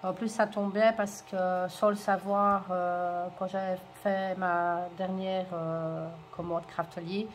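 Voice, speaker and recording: Lady rambling thru a scrapbook haul, lots of euh, kinda low voice, a bit of room noise. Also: level tone, slow, few pauses. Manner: hesitant, many fillers, gushing over cute items. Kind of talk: casual show-and-tell chat.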